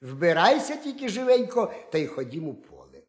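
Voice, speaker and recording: A man's voice: high voice, big pitch swings, moderate pace. A man voicing a crafty, boastful male hedgehog who talks in a confident, coaxing way, for a folk tale. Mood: scheming. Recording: roomy echo.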